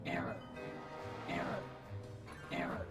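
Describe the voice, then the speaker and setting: A man's voice: takes it slowly, over loud music. An actor playing a malfunctioning male robot in a game, with clipped, mechanical speech that glitches into repeated errors.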